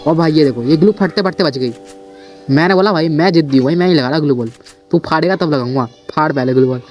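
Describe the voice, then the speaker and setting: A man's voice: on the high side, fast talker, darkish tone, soft background music. A man giving casual, chatty voice-over commentary on his own shooter match, playful and self-mocking, talking straight to his viewers. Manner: chatty, keeps addressing viewers as brother. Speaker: gameplay commentator.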